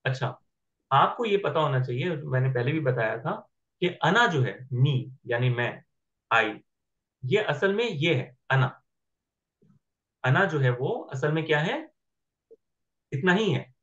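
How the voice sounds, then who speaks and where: A man's voice: on the high side, animated, a little slow, pauses often, fairly bright tone, highs cut off. A man teaching Arabic grammar in an online class, patiently asking his students whether they follow. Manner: patient, checks understanding with questions.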